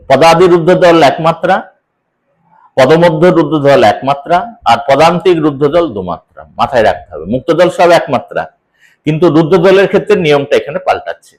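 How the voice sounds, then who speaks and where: A man's voice: a little high, rough recording. A man teaching a lesson on poetic meter, patiently counting syllables aloud and repeating the rules.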